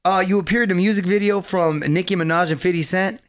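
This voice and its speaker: A man from Southern California hosting an interview, friendly and agreeable, quick to laugh along. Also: high voice, steady tone, no echo. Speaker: interview host. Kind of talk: casual interview chat.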